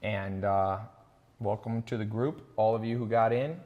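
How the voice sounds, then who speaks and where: A man's voice: fairly low pitch, steady tone, unhurried, in a large hall, narrow, tinny audio. A man hosting a live online sales talk, chatting casually, boasting and reading out viewers' names. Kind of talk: casual live-stream pitch.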